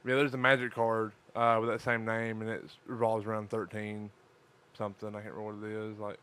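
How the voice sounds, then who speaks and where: A man's voice: on the low side, monotone, fairly quick, fairly bright tone, clear, resonant tone. A tired man with a lisp co-hosting a casual live-streamed podcast, joking around and swearing freely. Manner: crude, profane, joking. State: tired from lack of sleep. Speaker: podcast co-host.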